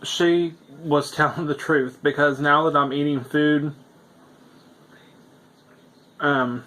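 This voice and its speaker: A man's voice: on the high side, steady tone, takes it slowly, pushed and bright. A man talking in a casual video diary, rambling with lots of fillers while he eats. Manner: chatty and rambling, with many fillers; talks while eating. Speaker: vlogger.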